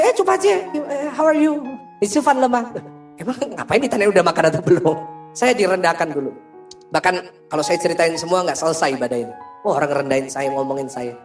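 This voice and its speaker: Fast-talking joking male pastor. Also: a little high. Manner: animated, joking, talks straight to the congregation. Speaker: senior pastor. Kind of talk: sermon.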